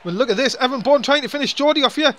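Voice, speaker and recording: A man calling a wrestling match play by play, excitable and quick to grumble. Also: extremely high pitch. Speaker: wrestling commentator.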